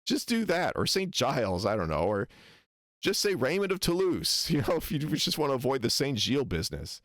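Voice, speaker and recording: An American man streaming casual commentary, rambling and animated as he exaggerates foreign vowel sounds to make his point. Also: mid-range voice, a little fast, dry recording, studio quality. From United States. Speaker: streamer reacting to a lecture.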